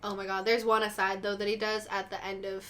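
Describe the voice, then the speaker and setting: A woman co-hosts a casual pop-culture podcast, rambling fast with plenty of "like" and acting out reactions in quotes. Her medium-pitched voice is a bit bright yet flat in delivery, with slight background noise.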